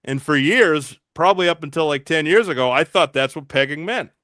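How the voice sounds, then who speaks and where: A man with a Massachusetts accent, chatting casually and telling a deadpan joke story on a video call. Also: on the high side, fairly quick, no echo, studio quality. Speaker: guest.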